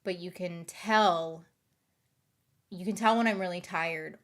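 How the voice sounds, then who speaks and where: On the low side but fairly bright in tone, this woman's voice moves slowly. She streams live, chatting with her viewers in a light Southern accent, rambling, giggling, starting over, and overthinking as she goes.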